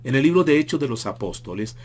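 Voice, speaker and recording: A man's voice: mid-range voice, expressive, quick pace. A male pastor preaching a sermon with emphasis, rising and falling as he acts out the mockers' taunts.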